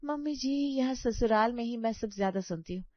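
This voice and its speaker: Brief: hasty young bride, careless and boastful, raised high voice, played by a woman, dry lo-fi sound. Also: fairly quick, no room sound, lightly acted. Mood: dismissive. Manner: hasty, flustered, dismissive. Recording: dull lo-fi sound.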